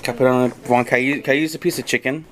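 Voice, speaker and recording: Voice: mid-range voice, steady tone, rapid-fire, fairly bright tone, a little hiss or hum. A vlogger chatting casually and trading playful, argumentative banter. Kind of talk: casual vlog chat.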